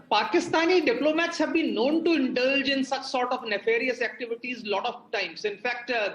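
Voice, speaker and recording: A man's voice: very high voice, fairly bright tone, dull audio. A man with an Indian accent giving analytical commentary as a guest on a news programme. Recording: echoey room sound.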